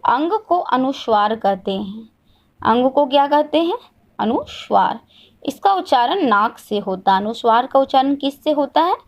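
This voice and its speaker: Woman, teacher, fairly high voice, asks and answers herself, repetitive drilling lesson. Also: expressive, measured pace. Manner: asks questions and answers them herself, repeats each point. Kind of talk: classroom lesson.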